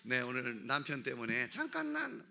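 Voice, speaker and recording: A woman leading worship in a church, animated and comic, breaking into shouted exclamations. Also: very deep voice, moderate pace, vocal fry. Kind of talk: lively church exhortation. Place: church sanctuary.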